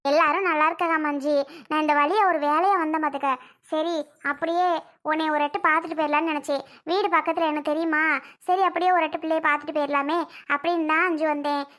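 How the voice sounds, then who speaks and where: Bossy protective sister-in-law , played by a child, high, bright, firm. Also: steady tone, fast. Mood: concerned. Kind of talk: homemade family drama.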